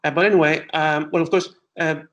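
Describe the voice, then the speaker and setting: A middle-aged man from Greece, an astronomer answering interview questions with many pauses and restarts. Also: on the high side, steady tone, fairly bright tone, dull audio. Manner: hesitant, many fillers and restarts.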